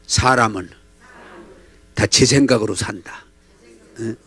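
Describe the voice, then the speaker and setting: A man's voice: on the low side, slow, husky, faint music behind. A male pastor preaching a sermon dramatically and having the congregation repeat his lines. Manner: animated, dramatic, leads call-and-response. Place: church.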